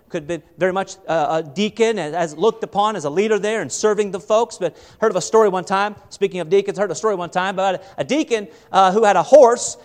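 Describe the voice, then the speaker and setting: Pastor, male, high voice, lively sermon delivery with lots of restarts, long church reverb. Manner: animated preaching, voice swells and drops with many restarts. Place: church sanctuary.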